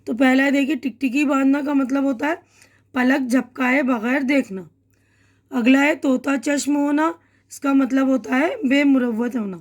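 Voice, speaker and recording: A woman teacher with an Indian Urdu accent, patiently explaining a school lesson to children and correcting her own slips. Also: high voice. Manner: patient, repeats and corrects herself.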